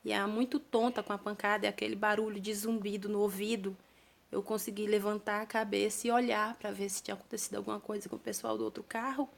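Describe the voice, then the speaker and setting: A woman's voice: mid-range voice, level tone, fast talker, creaky. A young woman with a Brazilian Portuguese accent, telling her own story to camera in an earnest, plain-spoken way, with small restarts.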